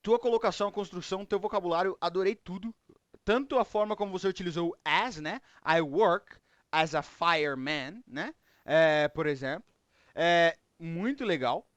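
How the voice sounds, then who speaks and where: A man's voice: high-pitched, moderate pace, a bit bright, no room sound. A man teaching English online, with a Brazilian Portuguese accent, giving encouraging feedback and explaining pronunciation rules in Portuguese and English.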